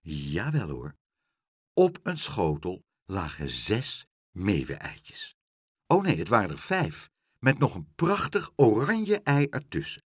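Man reading a children's story, husky, very lively pitch, dry close sound. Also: dry recording. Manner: animated, lots of character voices. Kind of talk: reading a children's book aloud.

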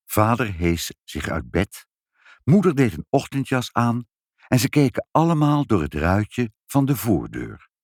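Slow, expressive male storyteller. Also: mid-range voice, no echo, studio quality. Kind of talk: reading a children's story aloud.

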